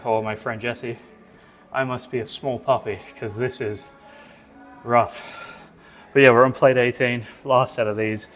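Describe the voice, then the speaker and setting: A man vlogging his gym workout in a casual, sweary chat, out of breath between sets, recorded in an indoor gym. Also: mid-range voice. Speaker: fitness vlogger. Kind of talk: casual gym vlog narration.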